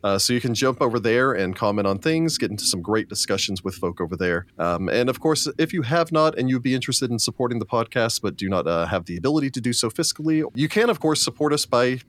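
A man's voice: mid-range voice, expressive, quick pace, hardly any pauses, a bit bright. A man hosting a tabletop game podcast, chatting loosely with many fillers while thanking patrons. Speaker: podcast host. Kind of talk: casual outro chat and patron thanks.

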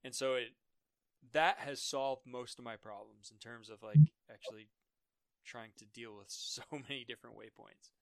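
A Massachusetts man appears as a podcast guest, explaining things in casual conversation with a halting manner, many restarts, repeated words and light laughter. His medium-pitched voice is creaky, and the recording is dry.

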